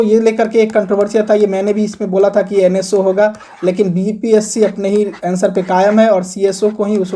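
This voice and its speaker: A man gives an exam coaching lesson in a calm, conversational voice. His tone is soft and mellow rather than bright, and he works through each point in turn, like a teacher talking straight to his students. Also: sits high. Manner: conversational, steady point-by-point explaining. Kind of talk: explanatory video lesson.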